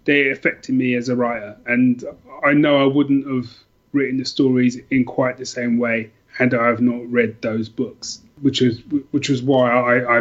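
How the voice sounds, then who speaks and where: A middle-aged guest from London, England talks casually on a podcast, sharing personal stories enthusiastically while rambling and repeating himself often. His voice is medium-pitched, and the audio has its highs cut off.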